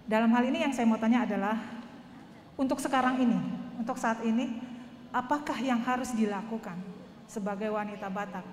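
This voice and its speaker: A woman's voice: on the high side, a little fast, pauses often, a little mellow, a little hiss or hum. A woman from the audience asking a long question at a church talk, earnest and hesitant, full of fillers. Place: church hall. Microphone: handheld wireless mic. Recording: echoey hall with long reverb.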